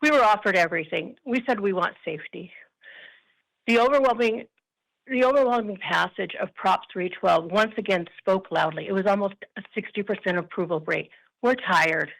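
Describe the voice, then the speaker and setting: A woman's voice: medium pitch, brisk, creaky, a bit bright, poor audio. A woman calling in to a council meeting from a kitchen at work, telling a long story with emphasis as a resident giving public comment. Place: kitchen at her workplace. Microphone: phone or video call.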